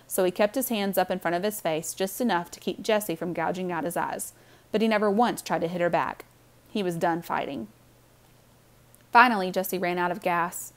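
A woman narrating a children's novel aloud in a calm, steady reading voice. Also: on the low side. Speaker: audiobook narrator. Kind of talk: storybook narration.

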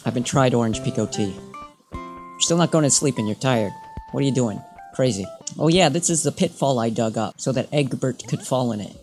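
A man's voice: medium pitch, moderate pace, a little mellow, faint music behind. A man giving casual let's-play commentary, playfully haggling and bickering with the characters on screen. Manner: playful, mock-bargaining with game characters. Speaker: gameplay commentator.

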